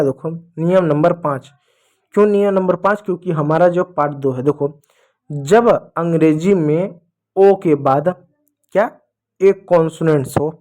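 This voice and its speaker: A man with a fairly high voice and a Hindi accent teaches a lesson at the board. He goes step by step, repeats every rule, and asks his students questions back. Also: darkish tone. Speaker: English teacher. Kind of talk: blackboard lesson for learners.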